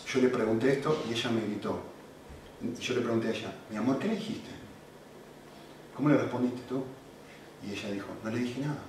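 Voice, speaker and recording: A man preaching a sermon as pastor, swinging from loud emphasis to quiet storytelling. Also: mid-range voice. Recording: echoey room from far off, faint noise.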